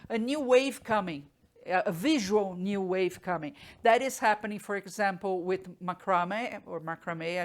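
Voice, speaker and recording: A woman hosting a live online art business course, talking through ideas with frequent restarts and fillers, recorded at home on a desk mic. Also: medium pitch.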